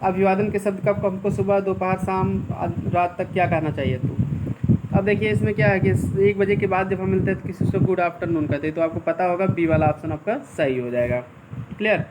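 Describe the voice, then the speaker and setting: A high-voiced male teacher explains English exam questions in Hindi, repeating and rephrasing points, checking in with listeners often, and slowing down to read the English sentences aloud. Heavy background noise runs under the recording.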